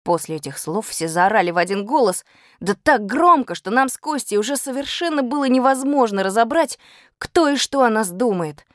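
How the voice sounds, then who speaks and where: A woman reads a children's story aloud with lively expression. Her voice sits a bit high and moves around a great deal. The recording is close and dry. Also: moderate pace, no echo. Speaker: audiobook reader. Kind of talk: storybook narration.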